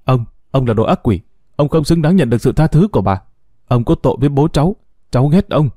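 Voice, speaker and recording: A man's voice: mid-range voice, expressive, moderate pace, mellow, dry recording, clean studio sound, close to an everyday voice. Brief: man as a furious young grandson in an audio story, tense and clenched. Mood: enraged. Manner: tense, through gritted teeth. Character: angry, grieving young grandson.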